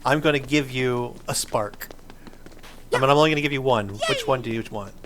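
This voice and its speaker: A man with a medium-pitched, slightly bright voice talks briskly as he hosts a family gaming video, explaining things patiently in a playful, chatty way. Video game music plays behind him, and the poor-quality audio carries a little hiss or hum.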